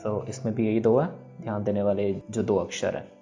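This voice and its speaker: A man teaching scripture pronunciation, explaining briskly and then reciting each verse slowly and evenly. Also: lowish voice, little pitch movement. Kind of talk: pronunciation lesson with slow recitation. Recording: slightly dull recording, soft background music.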